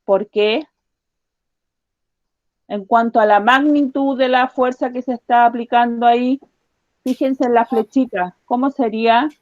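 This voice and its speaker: A woman teacher giving a science lesson to children, patiently repeating her questions and slowly spelling out each point. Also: fairly high pitch, steady tone, a little mellow, no room sound, muffled recording. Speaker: primary school teacher.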